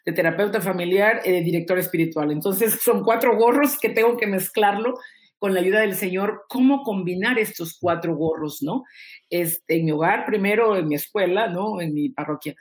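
A woman in her fifties, a guest and teacher, answering in an interview with earnest, animated talk and acted-out quotes. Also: on the low side. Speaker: guest, teacher and family therapist.

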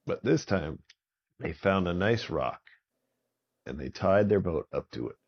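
A man telling a children's pirate story in a relaxed, improvised way, often repeating words for effect. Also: sits low, normal speed, creaky, highs cut off.

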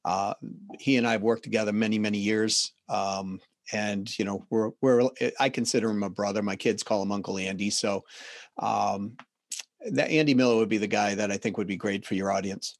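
A man in his fifties with a Boston accent, a podcast guest telling stories in an earnest, reflective way with halting restarts. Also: fairly low pitch, steady tone, dry recording, studio quality. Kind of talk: casual interview talk.

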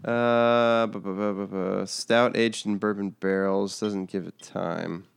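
Man, lowish pitch, nasal head-cold sound, casual co-host chat, short dry replies. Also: level tone, unhurried, gravelly, clean tone. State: getting over a cold. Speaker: beer podcast co-host.

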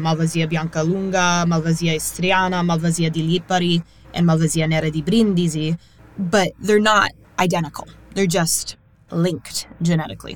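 A woman's voice: on the low side, low-quality recording. A woman hosting a podcast, reading a segment and then chatting with a guest, laughing often. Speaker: podcast host. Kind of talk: scripted segment and casual interview.

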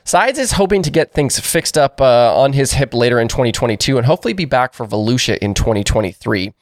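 A man with a congested voice hosting a daily racing news show, delivering items in a brisk, informal way on a new microphone. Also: mid-range voice, expressive, no room sound, clean studio sound. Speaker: host.

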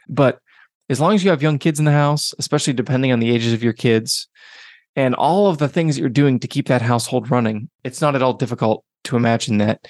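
A man hosting a podcast as a financial advisor, explaining things conversationally in a soft, late-evening radio DJ voice. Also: mid-range voice, no echo, studio quality. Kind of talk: solo podcast talk. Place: home podcast room.

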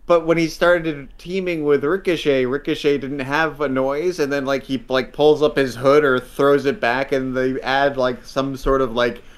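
A man's voice: mid-range voice, fairly even intonation, normal speed, few pauses, clear, resonant tone. A man co-hosting a podcast in casual chat, rambling with lots of fillers and dry jokes. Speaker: podcast co-host.

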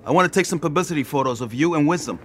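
A man's voice: on the high side, rapid-fire, a bit bright, a little hiss or hum, lightly acted. Give me a man doing a pushy, upbeat record boss in an audio drama. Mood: eager. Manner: enthusiastic, persuasive. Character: upbeat male music label boss.

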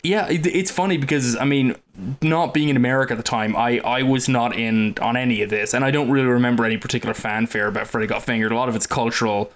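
A man's voice: mid-range voice, steady tone, fast. A man co-hosting a casual film podcast, dry and wry, hesitating often with fillers. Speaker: podcast co-host.

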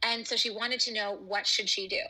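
A woman's voice: mid-range voice, fairly even intonation, a little fast, bright, forceful tone, rough recording. A woman chatting casually as a podcast co-host, informal and talkative, her call audio re-recorded through a speaker. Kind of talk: casual chat. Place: remote call from home, picked up from phone speaker.

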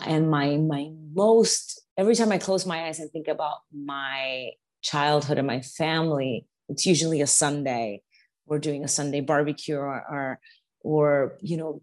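A woman's voice: deep voice, a little mellow. A middle-aged woman from the United States, talking casually as an interview guest, with many restarts and repeated words.

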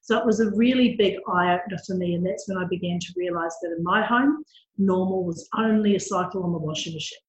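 A woman's voice: fairly low pitch, a little fast, dull audio. Candid New woman in an echoey room. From New Zealand. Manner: candid, matter-of-fact storytelling. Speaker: guest. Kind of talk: interview.

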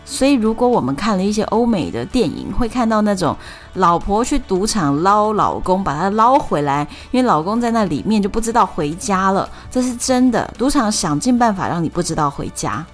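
A woman with a Taiwanese Mandarin accent hosting a storytelling podcast, explaining things in a chatty way with drawn-out sentence particles. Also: medium pitch, lively intonation, faint music behind. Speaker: podcast host.

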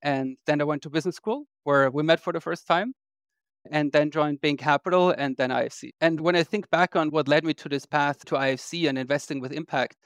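A man from Austria, an investor guest on a podcast, explaining in a measured way. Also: on the high side, clean tone, dry recording. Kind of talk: podcast interview.

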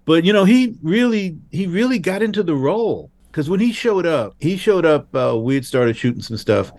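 An older man, a film director as interview guest, telling lively anecdotes and acting out the voices of people he quotes. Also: fairly high pitch, moderate pace, no room sound. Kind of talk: interview storytelling.

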